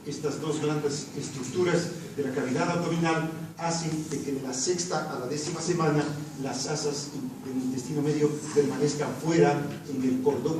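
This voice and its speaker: A man lectures in a big lab classroom, his somewhat high voice bouncing off the walls. He is caught from across the room by the camera, with steady room noise behind. He drills students with the same question over and over. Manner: quizzes students, repeating the same question insistently. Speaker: embryology lab instructor. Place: large echoey lab classroom. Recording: echoey classroom from far off, background noise.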